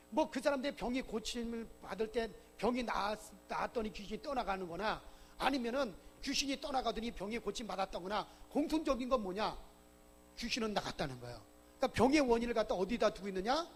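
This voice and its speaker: High-voiced pastor preaching in a reverberant church. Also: male voice. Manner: rhetorical questions to the congregation, emphatic preaching. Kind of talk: sermon. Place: church sanctuary. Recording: long reverb of a church hall.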